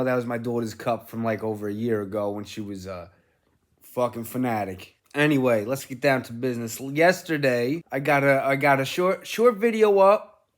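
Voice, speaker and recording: A middle-aged man, rambling casually as a vlog host, telling things in an animated way with casual swearing. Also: medium pitch. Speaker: gaming streamer and host.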